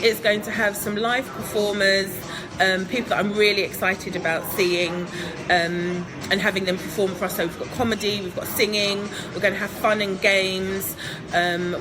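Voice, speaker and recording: An English woman with a mid-range voice is a guest entrepreneur answering interview questions. She's chatty and upbeat, laughs often and fills pauses with ums. Background noise is audible.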